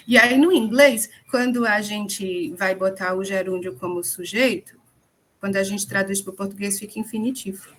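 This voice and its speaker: A woman's voice: mid-range voice, a bit bright, slight background noise. A woman from Ceará with a Northeastern Brazilian accent, teaching an English class. She explains step by step, drops in English example sentences and acts out short dialogues. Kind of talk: classroom lecture.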